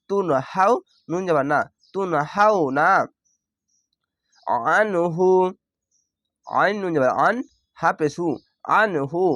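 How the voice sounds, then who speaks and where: Man spelling out syllables, higher voice. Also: a bit bright, no room sound. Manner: spells out syllables slowly, then chants the word drawn out. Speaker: Quran reading teacher. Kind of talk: step-by-step spelling lesson.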